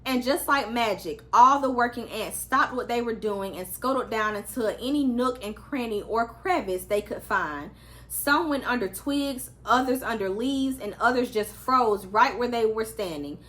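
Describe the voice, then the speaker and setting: A woman's voice: a little high, normal speed, fairly bright tone. A woman reading a children's story aloud as a storyteller, acting out the characters' lines expressively.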